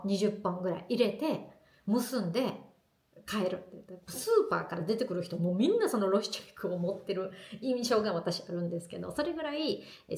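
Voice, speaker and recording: A woman talks casually to her camera, her storytelling lively and chatty. Her voice has a slightly gravelly texture at a mid pitch. The room around her is echoey. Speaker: vlogger.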